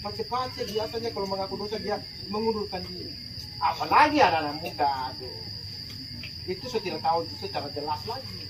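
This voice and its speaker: A middle-aged man with a Papuan Indonesian accent preaching a sermon, lively and quizzing the congregation. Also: high voice, brisk. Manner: lively, asks the congregation questions. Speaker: priest. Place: outdoor open-sided tent at night. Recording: loud insect noise from far off.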